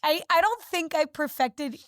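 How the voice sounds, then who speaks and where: High-voiced chatty young woman. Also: lively intonation, a little slow, fairly bright tone, dry recording, studio quality. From Peru and the United States. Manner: chatty, heavy use of filler "like". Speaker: podcast guest. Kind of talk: casual interview chat.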